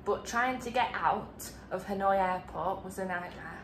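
A British woman talks through the trip conversationally for a travel vlog, at a middle pitch. Her voice rings with a roomy echo over a faint hum of background noise. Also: unhurried. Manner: conversational, recounting events. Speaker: travel vlogger. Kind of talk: casual travel vlog chat.

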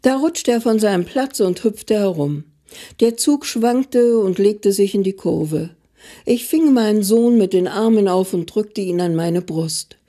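A woman author giving a calm, measured reading of her own story. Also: medium pitch. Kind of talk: literary reading.

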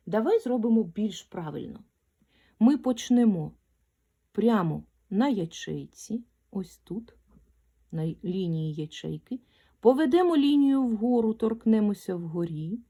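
A woman's voice: mid-range voice, mellow. A woman teaching a handwriting lesson to first graders, speaking patiently and drawing out words to show stress. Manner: slow, patient, sing-song coaching that stretches words to model stress. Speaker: primary school teacher.

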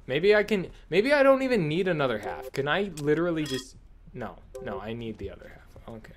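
A gamer commentates on his own horror video game play in a casual, exasperated and sweary way. His voice is a little high and sing-song, and his delivery is brisk.

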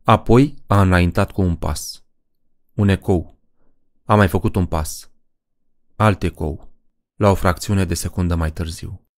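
Low-voiced man narrating a horror story. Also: fairly even intonation, long pauses, no room sound, clean studio sound. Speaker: audiobook narrator.

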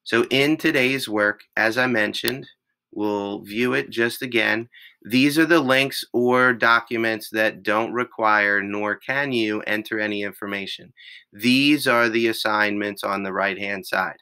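Raspy guy teacher explaining slowly, kinda low voice but clear and bright. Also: fairly even intonation, poor audio. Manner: slow, patient step-by-step explaining. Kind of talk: screen-recorded class tutorial.

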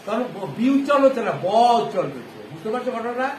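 A male primary school teacher giving a phonics lesson to a class, often asking questions and repeating answers slowly. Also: high voice, very animated. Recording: echoey classroom with background noise.

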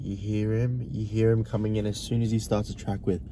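A young man with a nasal, congested voice from hay fever, casually reviewing an album track by track in a relaxed, rambling way with many fillers. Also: on the low side, fairly quick. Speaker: music reaction reviewer. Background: hip hop music playing.

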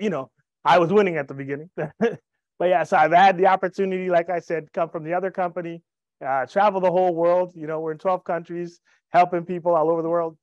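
Using a handheld mic on the stage of an event room, a man in his thirties delivers an upbeat sales presentation full of jokes and personal stories to a live audience. He speaks on the high side, and there is no room sound.

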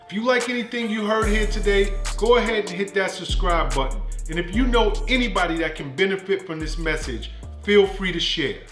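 A man in his forties hosting an interview over a video call, asking measured short questions. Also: sits high, animated, a bit bright, soft background music. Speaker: host.

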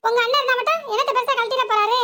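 Woman voicing a cartoon village wife, very high squeaky voice, rapid-fire, southern Tamil village accent, scolding. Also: bright, forceful tone. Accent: southern Tamil village dialect. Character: sharp-tongued young village wife, quarrelsome. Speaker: cartoon character. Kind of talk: comic cartoon voice acting.

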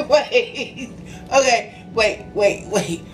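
Casting: exclamatory American woman, thirties, lively intonation, casual vlog chat over clear music. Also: fairly high pitch, extremely slow, recorded from a distance. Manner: exclamatory, expressive. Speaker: challenge video co-host. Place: home kitchen.

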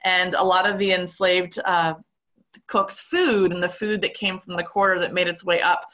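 A woman's voice: on the low side, fairly even intonation, moderate pace, fairly bright tone. A woman moderating a Q&A session, reading out audience questions and adding her own remarks, with many fillers.

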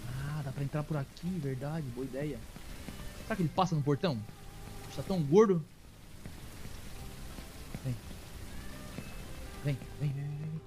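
A man giving casual let's-play commentary, excitable, calling out to viewers and coaxing animals aloud. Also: fairly high pitch, unhurried, pauses often. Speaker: gaming streamer.

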